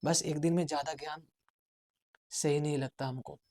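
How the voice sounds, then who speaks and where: A man's voice: fairly high pitch, fairly even intonation, moderate pace, a little mellow. A male spoken English teacher giving a classroom lesson, asking the class questions, answering them himself and repeating the key words. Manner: urges students to write things down.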